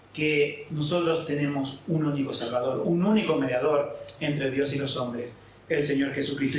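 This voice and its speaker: An Argentine man, a pastor, preaches a sermon and explains scripture in a church hall, frequently checking in with his listeners. His voice is slightly high, with a bit of background noise, and it was captured by a distant mic in an echoey hall.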